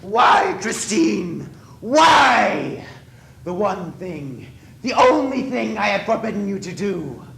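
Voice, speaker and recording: A tormented, masked man with a ruined face, obsessive and possessive in love, as an actor plays him on stage. His voice sits a little high and swings from hushed pleading to furious shouts. The sound rings around an echoey stage. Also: sing-song, moderate pace, creaky, exaggerated voice. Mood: anguished, raging. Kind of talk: stage play performance. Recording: echoey stage from a distance, faint noise.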